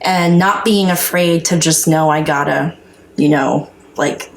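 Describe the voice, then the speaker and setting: Sharing her personal recovery testimony as a podcast guest, a North Dakota woman talks frankly and earnestly in a casual conversation, with some salty language thrown in. Her low voice has fairly even intonation, a slightly slow pace, and vocal fry, and the audio quality is poor.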